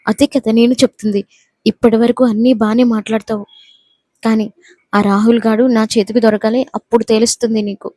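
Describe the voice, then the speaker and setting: Woman reading a sneering young husband, cruel and mocking, mellow even delivery, dry close sound, storybook narration. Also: a little high, brisk, husky, no room sound. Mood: menacing scorn.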